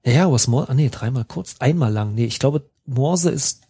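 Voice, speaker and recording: A man's voice: medium pitch, expressive, moderate pace, warm tone, husky. A man reading a text adventure aloud while playing, with joking asides and small stumbles. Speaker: game player reading aloud. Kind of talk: let's play, reading game text aloud.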